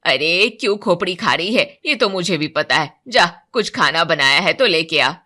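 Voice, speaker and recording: A woman voicing a short-tempered housemaid mother, grumbling and scolding in a lowered, louder voice. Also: lively intonation, normal speed. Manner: irritated, scolding.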